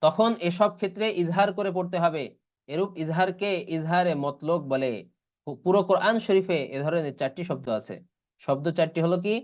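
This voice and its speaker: High-voiced man teaching Quran reading. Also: darkish tone. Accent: Bangladeshi Bengali. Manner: spells out letters and vowel marks, then chants drawn-out recitation examples. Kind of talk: online tajweed lesson. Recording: dull lo-fi online class audio.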